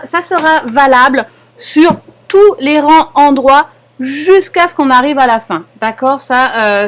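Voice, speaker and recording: A young adult woman with a French accent, patiently explaining a knitting lesson step by step, often pausing and checking in with her students. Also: high-pitched. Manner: patient, explanatory, frequent hesitations and checks "d'accord?". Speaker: knitting teacher. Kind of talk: live online knitting lesson.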